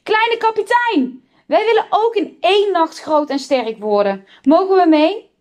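A woman's voice: very high-pitched, fairly quick, voice pushed up. A woman voicing a group of eager young children in a storybook reading.

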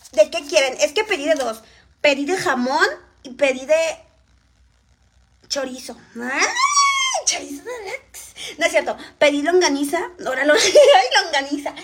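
A woman's voice: high-pitched, a little hiss or hum. A woman with a Mexican accent chatting to viewers while eating on a live stream.

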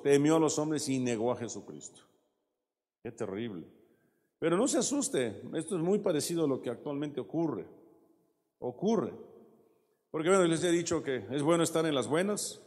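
A man's voice: fairly high pitch, expressive, moderate pace, a little mellow, big-room sound. A man preaching a sermon, in a conversational way, often turning to his listeners with rhetorical asides.

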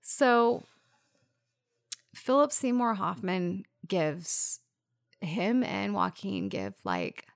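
Tearful woman with a gravelly voice. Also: medium pitch, very animated, drawn-out words, long pauses, no room sound. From Las Vegas. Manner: emotional, close to tears while retelling a scene. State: crying. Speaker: podcast co-host. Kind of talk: casual film discussion.

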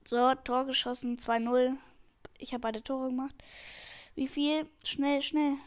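A teenage girl giving excitable live commentary on her own match, pleading and calling out every move into a headset mic. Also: sits high, takes it slowly. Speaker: gamer streaming her match.

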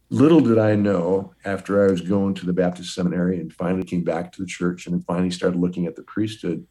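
Deep-voiced older priest telling stories. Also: male voice, dark tone. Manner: folksy storyteller, chuckling, with many restarts. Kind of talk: telling his life story in an interview.

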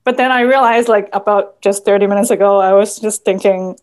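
A woman with a mid-range voice and fairly even intonation talks a little fast. Cantonese is her first language, and she's a podcast guest in a reflective conversation, thoughtful and soft-spoken, filling her speech with lots of "like" and quiet laughs.

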